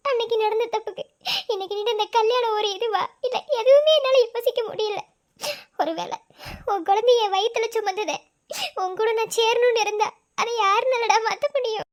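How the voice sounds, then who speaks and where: A woman voicing a young pregnant village woman in a cartoon, tender and steadfast, with a Madurai Tamil accent. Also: extremely high pitch. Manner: soft, consoling, tearful at times. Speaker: cartoon character. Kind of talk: emotional cartoon drama dialogue.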